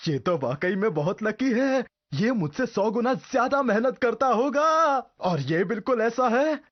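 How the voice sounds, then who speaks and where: Very high-pitched boastful cartoon rival. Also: male voice, lively intonation, a little slow, highs cut off, a little hiss or hum. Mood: dejected, disbelieving. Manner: theatrical, bragging. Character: boastful, over-earnest hard-working cartoon rival fighter, male. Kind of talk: animated cartoon dub.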